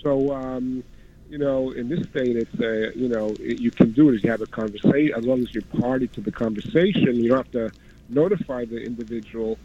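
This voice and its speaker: A man calling in to a radio show by phone, telling a personal account in a halting, hesitant way. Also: mid-range voice, mellow. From Queens, New York. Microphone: telephone. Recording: dull, band-limited phone line.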